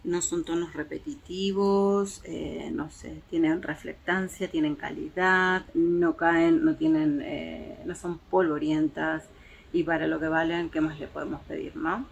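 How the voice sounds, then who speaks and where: Chatty woman reviewing makeup, gravelly voice. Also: low voice, a little slow, muffled recording. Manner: chatty, hesitant fillers, shows swatches to viewers. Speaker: beauty vlogger. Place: home terrace, outdoors in daylight.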